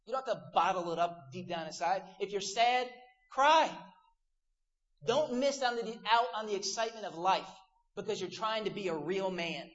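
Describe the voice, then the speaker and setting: High-voiced man giving a casual youth sermon. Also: expressive, moderate pace, fairly bright tone, lo-fi sound. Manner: casual, joking, with crowd call-outs.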